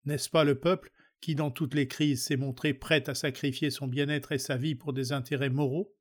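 A man reading a historical speech aloud in a measured, declamatory way. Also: medium pitch, fairly even intonation. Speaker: reader.

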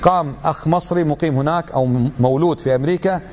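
A man's voice: a little high, fast talker, a little mellow, muffled recording, slight background noise. A middle-aged man giving an emphatic religious lecture, full of rhetorical questions.

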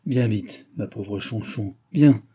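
A man's voice: lowish voice, slow pace, dark tone, slight background noise. A man voicing a hot-tempered wounded nobleman who curses and blusters. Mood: angry. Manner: blustering, cursing.

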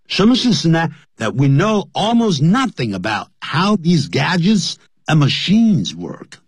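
A man's voice: on the high side, big pitch swings, unhurried, breathy edge, dry recording. A man teaching English on the radio, explaining phrases in Chinese and spelling words out letter by letter.

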